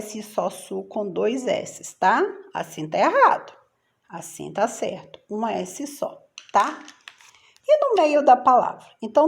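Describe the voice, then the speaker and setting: A woman's voice: fairly high pitch, gravelly, a little mellow. A Brazilian woman teaching young children a spelling rule in a patient, sing-song teacher voice. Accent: Brazilian Portuguese.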